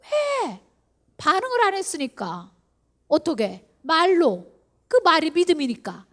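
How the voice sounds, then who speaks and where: Very high-voiced woman pastor preaching. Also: a little slow. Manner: animated, acts out believers' inner voices; exhorting, rhetorical questions. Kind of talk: sermon.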